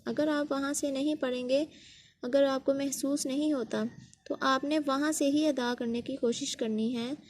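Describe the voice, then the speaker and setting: A high-pitched woman teaches recitation in a slow, careful lesson. She repeats each letter sound so learners can copy it. Faint background noise sits under her voice. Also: fairly even intonation, darkish tone. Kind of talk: patient step-by-step pronunciation lesson.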